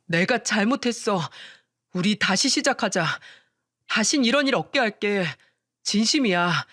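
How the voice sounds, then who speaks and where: A woman's voice: mid-range voice, expressive, unhurried, a bit bright, no echo, clean studio sound. A woman voicing a remorseful younger man who begs and makes excuses in a storytelling video. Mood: pleading. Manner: begging, excuse-making.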